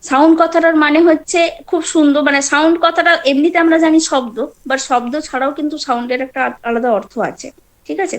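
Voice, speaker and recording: High-voiced woman teaching online. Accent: Bengali. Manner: explanatory, scolding students now and then, fillers and restarts. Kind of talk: online class lecture. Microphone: laptop or phone mic on a video call.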